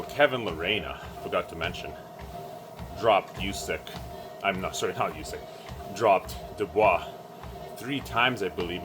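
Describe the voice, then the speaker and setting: A man giving casual, halting solo sports commentary, thinking aloud while exercising on a treadmill. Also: sits low. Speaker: boxing vlogger giving fight predictions. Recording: music playing behind the voice.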